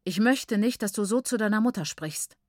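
A woman's voice: medium pitch, expressive, moderate pace, a little mellow, no echo, clean studio sound, pitched above the performer's own voice, lightly acted. A woman reading aloud voices a strict middle-aged father who speaks in stern, commanding tones.

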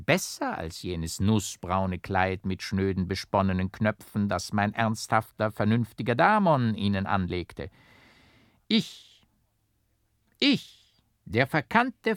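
A man's voice: fairly low pitch, dry recording, studio quality. A man voicing a foolish, flamboyant barber who talks in flowery, mock-dramatic phrases in an audiobook. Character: foolish, flamboyant male barber, theatrical and whimsical. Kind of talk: audiobook character voice.

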